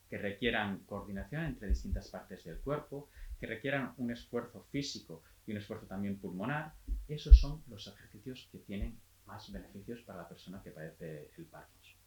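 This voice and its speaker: A man working as a physiotherapist, giving a calm, explanatory health talk and restarting phrases now and then. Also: on the low side, moderate pace, echoey room, low-quality recording.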